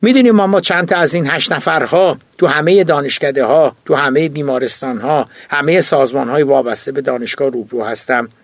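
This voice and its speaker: A man reading an audiobook, voicing a weary older male university chief who lectures in heated, rapid-fire rhetorical questions. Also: fairly high pitch, dry recording. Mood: exasperated. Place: recording studio.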